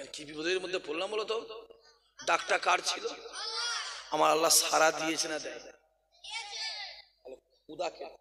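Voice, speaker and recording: A man with a Bengali accent preaching a fiery sermon, shouting and calling on the crowd to answer back. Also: high-pitched. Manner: shouting to the crowd, calls for responses. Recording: long hall reverb.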